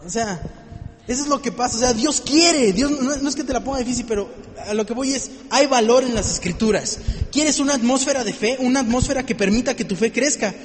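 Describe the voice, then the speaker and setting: A man preaching a lively sermon, joking and acting out little scenes for his listeners. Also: extremely high pitch, a little fast, big-room sound, slight background noise.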